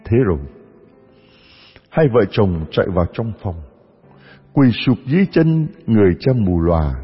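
A man's voice: lowish voice, big pitch swings, moderate pace, husky. A man narrating a folk tale in an earnest, storytelling manner. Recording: long reverb, dull lo-fi sound, faint music.

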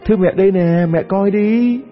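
A man's voice: sits high, moderate pace, faint music behind, voice pushed up, close to an everyday voice. A man voicing a polite, trusting young princess who speaks earnestly. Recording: dull audio with long reverb.

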